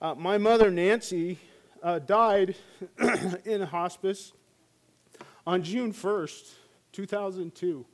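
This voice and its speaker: Brief: a middle-aged male chaplain preaching, high and unhurried, chatty with fillers. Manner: joking and storytelling with frequent fillers. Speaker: hospice chaplain. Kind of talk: sermon.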